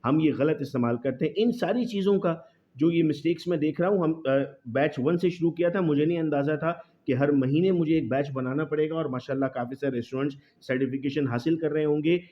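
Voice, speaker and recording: A man giving a video lecture on English grammar mistakes. He calls his students "beta" and slows down to read example sentences word by word. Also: fairly high pitch, warm tone. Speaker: English teacher. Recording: slightly dull lo-fi audio.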